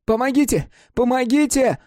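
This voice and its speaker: A storybook friend who shrieks for help in a piercing falsetto, far higher than any normal speaking voice. He sounds giddy and a little unhinged, sliding into near-hysteria. The voice is dry and close. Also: lively intonation, normal speed, no echo. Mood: hysterical. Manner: shrill, hysterical shouting. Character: giggling, shrieking man, hysterically playful.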